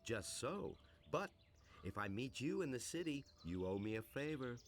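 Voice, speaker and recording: An actor playing a shrewd merchant in a video game, talking like a wheeler-dealer. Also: male voice, mid-range voice, very animated, moderate pace, a little hiss or hum. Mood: sly. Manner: wheeling-dealing. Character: shrewd male merchant haggling.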